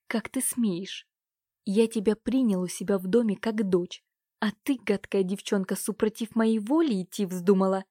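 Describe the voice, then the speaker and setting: A woman's voice: mid-range voice, normal speed, mellow, dry recording, studio quality, close to an everyday voice. A woman voicing a cruel, domineering uncle who scolds and threatens his niece. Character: cruel domineering middle-aged uncle, man.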